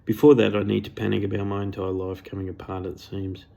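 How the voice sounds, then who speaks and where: Guy reading his own story, low creaky voice, swears a lot, beats himself up. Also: level tone, quick pace, mellow. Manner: self-critical, profane, sardonic. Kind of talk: first-person personal story reading.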